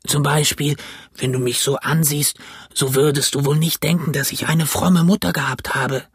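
A man voicing a ragged, marooned old sailor in a storybook reading, with a hoarse, croaky, pleading voice. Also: fairly high pitch, fairly even intonation, moderate pace, no echo, studio quality, pitched above the performer's own voice. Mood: eager. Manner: raised, pleading and wheedling.

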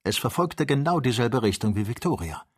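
Husky male narrator for a measured audiobook reading. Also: medium pitch. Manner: even, measured storytelling. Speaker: audiobook reader.

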